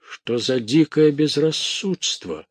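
A solemn old friar speaks with firm, measured resolve, voiced by a male narrator. The delivery is slow and husky, recorded dry and close. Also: fairly low pitch, lively intonation, dry recording, heavily acted. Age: older.

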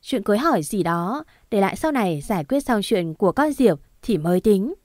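A woman's voice: medium pitch, big pitch swings, brisk, a little mellow, dry recording, studio quality, natural voice. A woman voicing a grave old patriarch. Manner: grave, pronouncing judgement. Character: elderly family patriarch, grave and decisive.

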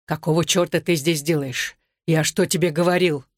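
A reader voicing an adult man, an enraged husband shouting through gritted teeth in an audiobook. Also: medium pitch, fairly even intonation, normal speed, dry recording, clean studio sound, close to an everyday voice. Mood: raging. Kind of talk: audiobook narration.

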